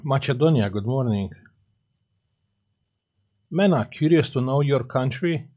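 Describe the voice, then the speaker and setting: A Romanian man with a Romanian accent hosts a casual live stream in English, his second language, greeting viewers and replying to their comments. He often pauses on fillers. His medium-pitched voice is warm, with lively intonation.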